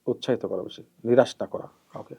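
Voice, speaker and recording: A man giving a measured hadith lesson as an Islamic preacher, repeating key terms and letting his phrases trail off softly. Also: medium pitch, fairly even intonation, vocal fry, husky. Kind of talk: hadith lesson, explaining and admonishing. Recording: dull lo-fi recording.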